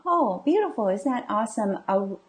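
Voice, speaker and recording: A middle-aged woman coach talks to her live-stream audience and reads out their comments. Her voice sits at an ordinary middle pitch. She speaks in a reassuring way, full of fillers and checking "okay?" after her points. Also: sing-song, a little fast. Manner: reassuring, many okays and ums, reads comments aloud. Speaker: coach and healer hosting a live session. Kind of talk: live-stream talk reading viewer comments.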